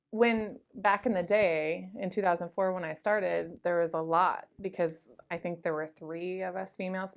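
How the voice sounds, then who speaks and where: A woman in her late thirties, a school resource officer, telling lively anecdotes in a casual interview, with lots of "like" and "um". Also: lowish voice. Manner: chatty, lively anecdotes with frequent "like" and "um".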